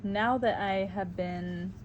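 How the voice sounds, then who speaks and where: A vlogger in her thirties from South Carolina, with a faint Southern accent, chats casually and reflectively while painting at her home on Maui, using many fillers. Her medium-pitched voice is fairly even and slow, on a lo-fi recording with slight background noise.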